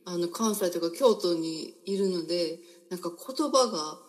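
A host with a Kansai accent leading a casual interview, chatty and teasing, with halting restarts. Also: medium pitch, animated. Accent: Kansai Japanese.

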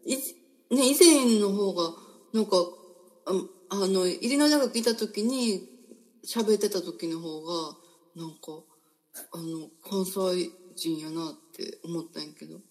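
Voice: mid-range voice, measured pace, a little mellow. A Kansai-accented host keeps the talk going with a teasing, chatty tone and a voice in an ordinary middle register. Sentences often stall and restart before landing. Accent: Kansai Japanese. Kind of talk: casual interview talk.

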